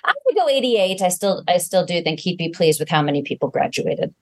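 A woman's voice: fairly low pitch, very animated, a little fast. A woman guest on a film podcast, chatting with enthusiasm and laughing easily. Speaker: guest history professor. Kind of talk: casual chat.

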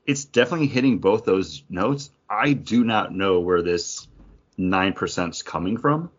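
A podcast host with a fairly low, expressive and slightly rough voice delivers a casual review, chatting conversationally and peppering it with slangy asides. He talks a little slowly, and the audio is lo-fi and slightly dull.

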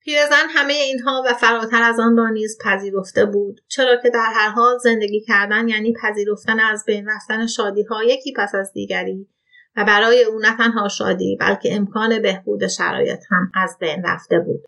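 Woman calmly reading a literary story. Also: medium pitch, gravelly.

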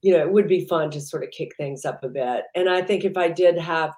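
A woman with a lowish voice chats loosely as an interview guest, circling her points and filling gaps with "you know". The recording has a noticeable roomy echo. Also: brisk, darkish tone. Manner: rambling, heavy use of "you know". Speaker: entrepreneur guest. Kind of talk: casual interview chat.

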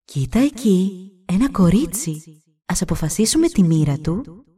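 A woman voicing the eldest goddess of fate, speaking slowly in a whisper. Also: fairly low pitch, very animated, mellow, husky, recorded from a distance. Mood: solemn. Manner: slow and whispery.

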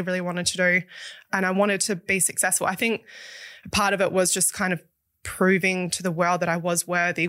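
Young woman from western australia, interview guest, bright tense voice, dry close sound, frank and reflective. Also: on the low side, no room sound. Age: young adult. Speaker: business founder, guest. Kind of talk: candid interview talk.

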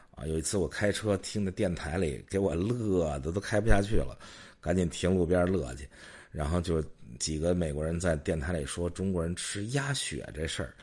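Male podcast host, deep rough voice, chatty storyteller. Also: a little mellow. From China. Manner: chatty, tells jokes and anecdotes. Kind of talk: casual storytelling chat.

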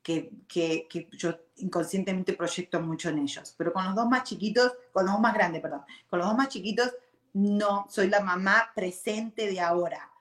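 Argentine woman, 40s, expressive host, mid-pitched, roomy echo. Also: normal speed. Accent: Argentine Spanish. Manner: expressive, tags sentences with "¿ok?", drops in English words. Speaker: show host. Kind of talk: casual personal talk.

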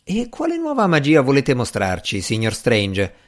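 A man reading the part of a polite, curious gentleman in an audiobook, asking questions with interest. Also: fairly low pitch, huge pitch swings, normal speed, breathy edge, heavily acted.

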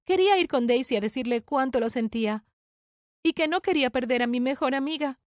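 A woman's voice: high-pitched, a little fast, dry recording, studio quality. A young woman narrating a dramatic first-person story about her twin sister. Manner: dramatic confessional telling.

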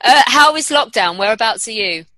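A woman's voice: on the high side, animated, normal speed, pushed and bright. A woman hosting a casual podcast chat in a teasing, wry manner. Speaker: podcast host.

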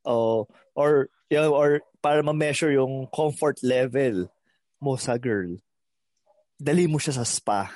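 A man's voice: medium pitch, slow pace, darkish tone, no echo. A man co-hosting a podcast, telling a story in a rambling, hesitant way and giggling. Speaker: podcast co-host. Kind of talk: casual storytelling.

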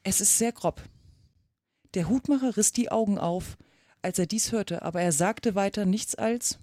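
A woman reading a classic storybook aloud for a podcast in a calm, measured way. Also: mid-range voice, dry recording, studio quality. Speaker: podcast reader.

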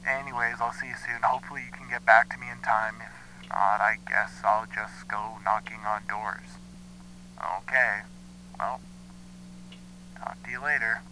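A man's voice: medium pitch, little pitch movement, normal speed, long pauses, sharp tone, slight background noise, low-quality recording. An actor playing a young man who leaves a hesitant, casual voicemail for his uncle over a landline phone. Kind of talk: audio drama acting.

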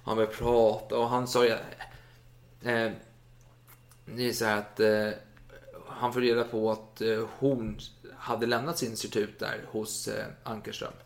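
A man casually retelling a historical story in a podcast chat, with lively retold quotes. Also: on the low side, gravelly. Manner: animated retelling with acted quotes and laughs.

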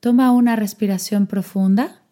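A woman guiding a meditation, giving soft-spoken instructions with long pauses. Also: mid-range voice, steady tone. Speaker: meditation guide. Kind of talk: guided meditation.

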